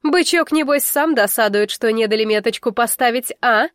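A woman's voice: fairly high pitch, moderate pace, fairly bright tone, no room sound, studio quality, lightly acted. A woman doing a snide teasing wolf girl. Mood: mocking. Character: mocking sly young wolf woman.

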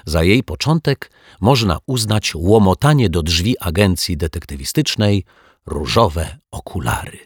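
A man narrating a children's story in an expressive, unhurried manner. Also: sits low, husky, no room sound, clean studio sound.

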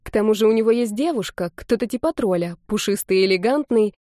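Mellow-voiced woman reading a novel. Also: medium pitch, animated, fast, no room sound, studio quality. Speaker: audiobook narrator. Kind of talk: first-person novel reading with voiced dialogue.

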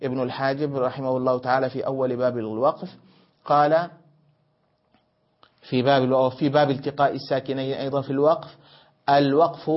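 A man teaching a grammar lesson, questioning his students and correcting them, explaining by repeating and rephrasing points. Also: fairly high pitch. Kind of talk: classroom lesson. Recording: dull lo-fi classroom recording.

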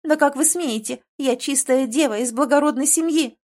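A woman's voice: high-pitched, a little slow, pitched above the performer's own voice. Woman voicing a sing-song scheming dragoness. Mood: indignant. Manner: sing-song, wheedling, theatrical.

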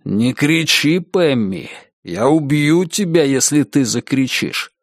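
A man playing a soft-spoken menacing cop. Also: on the high side, expressive, takes it slowly, no echo, clean studio sound, exaggerated voice. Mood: calm, menacing. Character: menacing middle-aged male cop, quietly threatening.

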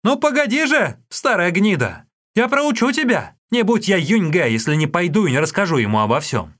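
A quick-witted street boy who sells fruit, as a male narrator puts him on. He wheedles and shouts back cheekily, his voice pushed up high and full of jumps. It comes from an audiobook of a classic tale. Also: very animated. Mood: shouting. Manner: wheedling and cheeky, then yelling. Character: cheeky street boy fruit seller, pleading then defiant.

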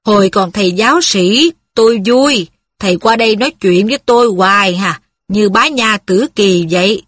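Here is a woman reading the part of a kindly middle-aged workman, earnest and folksy in his speech. The voice is fairly high, with a husky, breathy edge. It sounds dry and close, like a storybook read-aloud. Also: normal speed, fairly bright tone, no room sound. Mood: reminiscing. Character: kindly aging male worker, plain-spoken.

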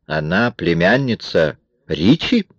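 A menacing gang boss drawls his threats slowly in a low, deep voice, as an audiobook reader puts him on. The recording is dry and muffled, close to the mic. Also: sing-song, slightly rough, no echo, full character voice. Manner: slow, ominous and threatening. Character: menacing middle-aged male gang boss.

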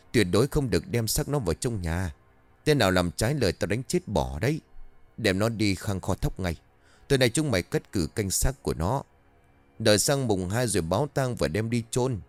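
Man doing an old landlord, cruel and cold, barking commands, low voice, lively swings, faint music. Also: no room sound.

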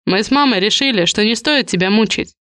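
A woman voicing a retired police officer, a calm and careful father, in an audiobook. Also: mid-range voice, no echo, studio quality, close to an everyday voice. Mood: gentle. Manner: measured, careful.

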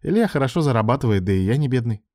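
A man's voice: mid-range voice, big pitch swings, racing, darkish tone, no echo, clean studio sound, pitched above the performer's own voice, close to an everyday voice. A man voicing a nervous, guilty young male doctor who talks in a strained, anxious way. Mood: brisk.

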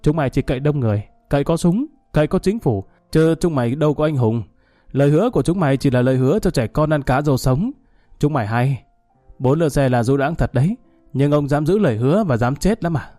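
A man playing a cocky young thug who taunts and threatens in a theatrical way. His voice is dark and mellow, and it sounds dry and close. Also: a little high, expressive, brisk, no room sound, faint music behind, natural voice. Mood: menacing, mocking. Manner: menacing, showy, theatrical. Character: swaggering young street thug with flowery speech.

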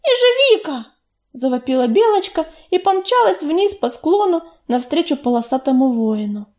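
A woman reads a children's storybook aloud as narrator. Her voice is high and sweeps across a wide range. The delivery is expressive and animated. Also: normal speed. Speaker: audiobook reader.

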